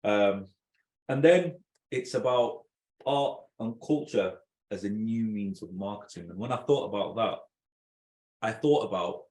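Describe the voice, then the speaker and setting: Low-voiced man presenting in an echoey room. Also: darkish tone. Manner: reflective, posing questions. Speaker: event speaker. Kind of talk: informal presentation.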